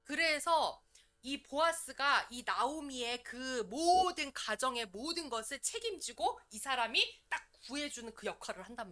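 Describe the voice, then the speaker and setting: Woman evangelist, high bright voice, chatty animated sermon delivery in a church. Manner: lively, conversational preaching, often acting out prayers. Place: church sanctuary.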